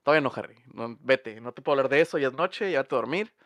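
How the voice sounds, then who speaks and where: A man's voice: mid-range voice, animated, quick pace, a bit bright, no room sound, close to an everyday voice. A man voicing a tipsy, evasive old male teacher who keeps saying no, with a Mexican accent. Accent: Mexican Spanish. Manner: evasive, repeats no.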